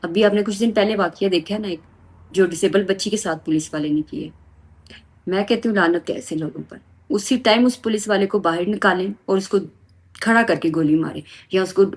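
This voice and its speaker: An activist from Pakistan relays a victim's account and urgently appeals to viewers, sounding emotional and indignant. Her voice is medium-pitched with a breathy edge.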